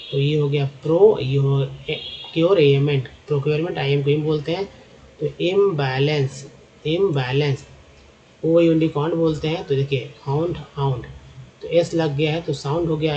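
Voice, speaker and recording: A man's voice: on the high side, a little mellow, rough recording. A man teaching English phonics over slides, spelling out letter groups and then sounding out example words patiently.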